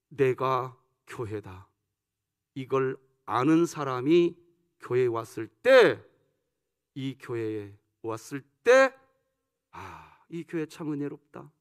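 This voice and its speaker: A man's voice: on the high side, a bit bright, clean tone. A male senior pastor preaching a sermon, leading the congregation in call-and-response and teasing them playfully. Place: church sanctuary.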